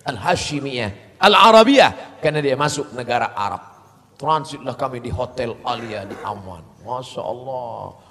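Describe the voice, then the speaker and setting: A middle-aged man preaching to students, telling stories in a lively, humorous, animated way. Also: mid-range voice, normal speed. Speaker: Islamic preacher. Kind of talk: sermon to students. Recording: long hall reverb.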